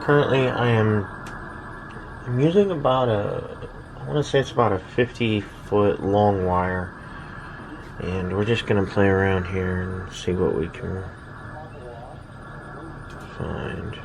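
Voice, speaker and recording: There's a gravelly, lowish quality to this American man's voice as he meanders haltingly through his thoughts on camera. He is in his thirties, a radio hobbyist vlogging from a noisy little backyard shed, with faraway fireworks popping.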